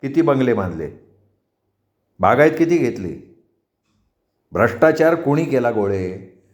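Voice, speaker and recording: Stern male party leader, low voice, cold, measured, commanding, voiced by a man. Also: big pitch swings.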